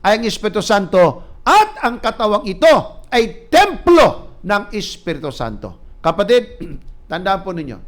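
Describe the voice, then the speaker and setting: A man with a high voice preaches a sermon, reading scripture aloud and telling animated stories. He gets loud when he stresses a point, and he drops English words into his preaching. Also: measured pace. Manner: animated storytelling, rising loud for emphasis. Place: church or ministry broadcast.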